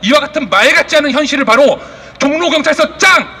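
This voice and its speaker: Man, piercing forceful voice, indignant protest speech, accusatory rally moderator, long reverberation. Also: very high-pitched, animated, quick pace. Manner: indignant, accusatory, haranguing with rhetorical questions. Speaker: rally speaker and press conference moderator. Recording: loud public address with long reverb.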